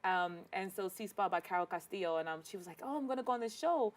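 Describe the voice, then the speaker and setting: A woman's voice: medium pitch, animated, fast talker. A woman guest on a talk show, chatting casually with frequent fillers and laughs. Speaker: guest, financial literacy educator. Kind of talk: casual interview chat.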